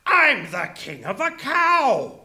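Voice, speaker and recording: Pompous turtle king, voiced by a woman: high, bright, slow, bellowing and bossy, storybook read-aloud. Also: wildly swooping pitch, exaggerated voice. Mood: gloating.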